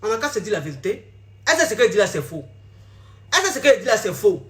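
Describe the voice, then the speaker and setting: Speaking straight to camera in a social media video, a female relationship coach bluntly scolds her viewers and repeats herself. Her mid-range voice is very animated and brisk.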